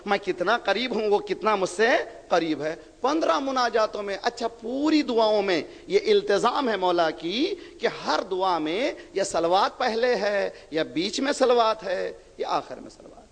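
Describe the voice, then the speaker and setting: A man preaching an impassioned sermon, firing rhetorical questions at the audience and swelling to shouts. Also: sits high, expressive, hardly any pauses. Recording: long reverb of a large hall.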